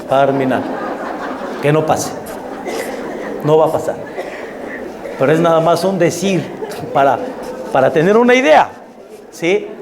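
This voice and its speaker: A man's voice: a little high, a little mellow, long reverb tail, slight background noise. A man, a rabbi preaching a sermon animatedly, full of rhetorical questions.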